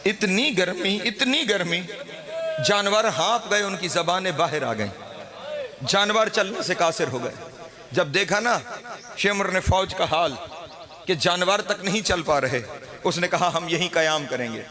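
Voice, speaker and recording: A man's voice: high voice, expressive, unhurried, a crowd in the background. A man with a Pakistani Urdu accent reciting a mourning sermon, lamenting and rising to wailing cries. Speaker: Shia cleric reciting a majlis.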